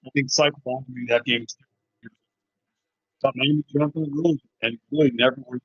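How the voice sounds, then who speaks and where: Remote co-host, man, muffled through a wall on a phone line, mid-pitched, trails off often. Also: fairly even intonation, dry recording. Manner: halting, trails off mid-sentence. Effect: muffled remote connection, as if through a wall. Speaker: sports podcast co-host. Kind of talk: casual sports chat. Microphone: phone on a remote call. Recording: dull, muffled remote call.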